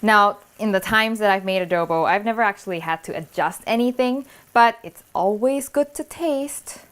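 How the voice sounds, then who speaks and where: At the stove in her kitchen, a cooking show host chats in a medium-pitched, slightly bright voice at a moderate pace. Encouraging and casual, she thinks out loud while she cooks, and a pan sizzles in the background.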